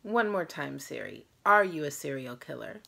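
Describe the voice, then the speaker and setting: Her voice is low, very animated, and a bit bright and slightly rough, with vocal fry at a moderate pace. She's a tired woman in her thirties hosting a challenge vlog, chatting casually to camera in a small room at home.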